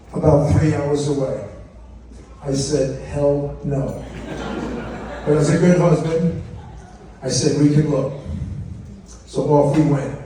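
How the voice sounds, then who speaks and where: A man's voice: on the high side, mellow. A middle-aged man, the father of the bride, tells a humorous, anecdotal story in a prepared wedding speech, acting out the remarks he quotes. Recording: echoey room, distant mic, faint noise.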